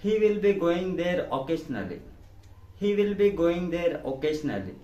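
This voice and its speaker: Lively Indian teacher in an echoey room. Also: male voice, on the high side, lo-fi sound. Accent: Indian English, Telugu. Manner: says each sentence in Telugu fast, then repeats the English slowly. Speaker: English teacher. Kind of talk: language lesson, reading sentences.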